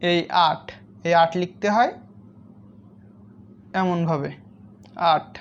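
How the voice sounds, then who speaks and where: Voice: mid-range voice, slow pace, slight background noise. Patient children's teacher who counts each item aloud. Mid-range voice, slightly muffled recording. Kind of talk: step-by-step lesson for young children. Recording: slightly dull lo-fi sound.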